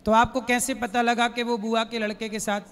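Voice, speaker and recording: A high-pitched man gives calm, direct spiritual counsel in a question-and-answer session. His short questions ring out with a long echo in a large hall. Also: normal speed. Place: large hall before an audience. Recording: reverberant hall.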